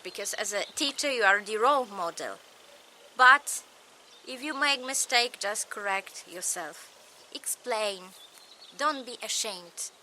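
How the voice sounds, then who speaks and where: In a recorded lecture, a woman with a Polish accent, native in Polish, speaks slowly in short, measured phrases. Her voice is a little high with a sharp tone, and a little hiss or hum can be heard.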